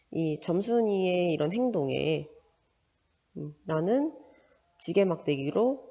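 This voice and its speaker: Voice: mid-range voice, darkish tone. A Korean literature teacher reading a story aloud and explaining it, checking in with frequent rhetorical questions. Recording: dull lo-fi sound with long reverb.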